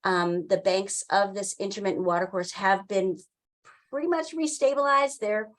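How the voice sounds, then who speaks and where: An older woman giving an informal, halting explanation as a staffer in a meeting over a video call. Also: mid-range voice. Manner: halting, explanatory, with frequent pauses mid-phrase. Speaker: town wetlands staffer running a public meeting. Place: indoor room, on a video call. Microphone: computer mic on a video call.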